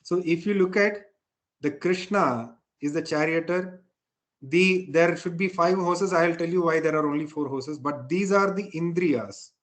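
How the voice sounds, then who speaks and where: A man with a fairly high, unhurried voice leads a satsang as a spiritual teacher. He explains spiritual texts informally, often tacking on a questioning tag to make sure listeners follow.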